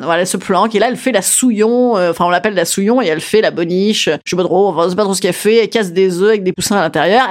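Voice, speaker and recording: A woman telling a fairy tale as a comic monologue, full of crude slang, digressions and asides to the audience. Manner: digressive, self-correcting, jumps up in pitch for emphasis. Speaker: comic storyteller.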